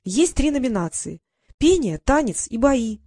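Lively bossy fairy girl, read by a woman, raised pitch, storybook. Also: measured pace, no room sound, clean studio sound, exaggerated voice. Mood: brisk.

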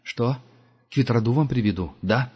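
A man doing a tough, irritable hunter in an audiobook, curt and growling. The voice sits low and the recording sounds dull and lo-fi. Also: steady tone, moderate pace, darkish tone, husky, in a large hall. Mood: menacing. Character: gruff tough male hunter, irritable and menacing.

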